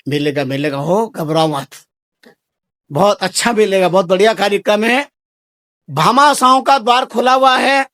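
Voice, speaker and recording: A man's voice: high-pitched, a bit bright, no echo, clean studio sound. A man giving a devotional sermon to a large gathering, exhorting and repeating himself, rising to emphatic bursts. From Rajasthan, India. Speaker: spiritual teacher.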